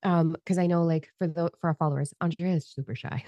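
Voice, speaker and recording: A woman hosting a casual podcast chat, talking in an enthusiastic, nurturing way with quick asides. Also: fairly low pitch, steady tone, dark tone, dry recording, lo-fi sound. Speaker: podcast host and coach.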